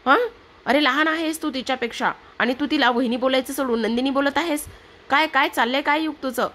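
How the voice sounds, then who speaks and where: A woman's voice: mid-range voice, steady tone, brisk, a bit bright, close to an everyday voice. A woman reading out the lines of a stern, protective elder brother who scolds and gives orders, in a TV serial recap.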